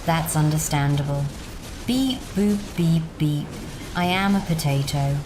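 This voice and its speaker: A text-to-speech robot voice of a woman, reading out chat messages in an even, mechanical way. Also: sits low, a little slow, far from the mic, background noise. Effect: synthetic text-to-speech voice. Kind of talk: flat read-out chat messages.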